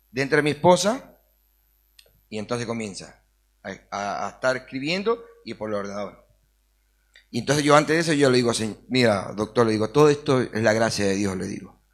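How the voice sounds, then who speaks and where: A man sharing an earnest personal faith testimony as an interview guest, acting out the dialogue as he tells it. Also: medium pitch. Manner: earnest storytelling, acts out dialogue.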